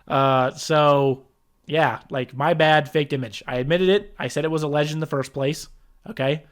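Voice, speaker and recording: A man reacting to a video about himself, rebutting it point by point in a defensive, exasperated way and often restarting his sentences. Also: fairly high pitch. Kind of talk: reaction commentary.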